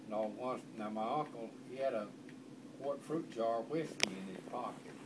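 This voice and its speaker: A man's voice: medium pitch, moderate pace. An older man with a rural Southern American accent and a folksy grandpa voice, spinning an informal, rambling country yarn. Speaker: grandfather telling family stories. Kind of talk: informal oral storytelling. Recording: distant microphone, loud background noise.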